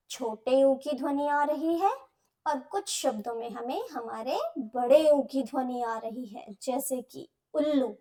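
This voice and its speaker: A woman teaching a Hindi lesson to young children, explaining words slowly and sounding them out syllable by syllable. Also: high voice. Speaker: primary school Hindi teacher.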